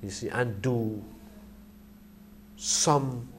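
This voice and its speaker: Middle-aged male, Rasta idiom and phrasing, mid-pitched, conversational, emphatic, thinks aloud in halting bursts. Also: a little hiss or hum. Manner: Rasta speech, with "I and I" and "I man" idiom. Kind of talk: casual Rastafari reasoning discussion.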